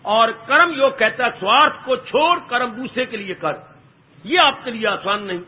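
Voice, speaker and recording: Male spiritual teacher, high voice, animated storytelling sermon, tinny phone-like recording. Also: normal speed. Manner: animated, acts out dialogue in stories, addresses listeners as son and daughter. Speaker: spiritual teacher giving satsang.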